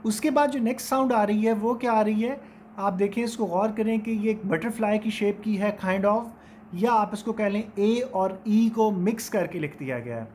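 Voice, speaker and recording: A man's voice: sits high, a little mellow, a little hiss or hum. A man teaching English phonetics in a recorded lecture, drawing out and repeating each vowel sound and example word aloud. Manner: slow, repeats sounds and words aloud to demonstrate them.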